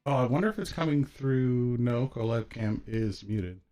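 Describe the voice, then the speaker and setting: A man's voice: medium pitch, moderate pace, dark tone, faint music behind. A man casually commentating a live game match in a laid-back way, his voice echoing with reverb.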